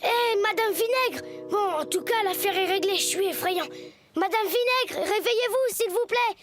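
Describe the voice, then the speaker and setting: Very high, plaintive little boy. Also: normal speed. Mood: panicked. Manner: plaintive, worried, expressive. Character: gentle, anxious young boy turned into a monster. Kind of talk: French children's cartoon dubbing. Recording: music behind the voice.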